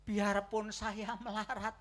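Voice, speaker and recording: An actor playing a poor, sick husband who is stubborn and moralizing, in a loud, exasperated stage comedy style. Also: male voice, sits high, level tone, slow. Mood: indignant. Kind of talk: stage comedy theatre acting.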